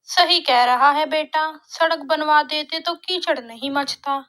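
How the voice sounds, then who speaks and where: A woman voicing a kind older village mother-in-law who speaks softly and soothingly. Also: sits high, slow. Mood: gentle.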